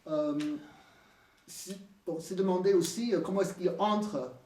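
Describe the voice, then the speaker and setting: A man with an American accent giving a halting talk about his book, full of fillers and restarts. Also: high-pitched, a little mellow. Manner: hesitant, many fillers and restarts. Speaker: author presenting his book. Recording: echoey room from far off.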